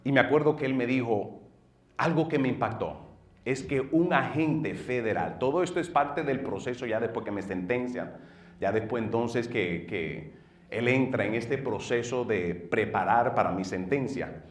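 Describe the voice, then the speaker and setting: Speaking at a moderate pace, this middle-aged man from the northeastern US has a Dominican accent and tells his own testimony as a pastor. His earnest delivery moves from loud outbursts down to low murmurs, captured by a faraway mic in a roomy space.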